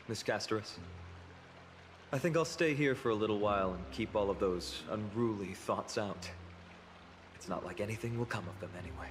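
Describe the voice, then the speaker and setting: An actor playing an earnest, kind young male hero in a video game, reflective and gentle. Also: on the low side, lightly acted. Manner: reflective, gentle, self-deprecating. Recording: long reverb with game music.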